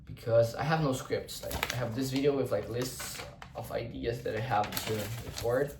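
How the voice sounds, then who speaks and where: Fairly even in intonation and moderately paced, this medium-pitched male voice belongs to a young Portuguese-native vlogger. He thinks aloud in English, unscripted and rambling, with frequent restarts and occasional casual swearing. The sound is echoey and far from the mic, with background noise.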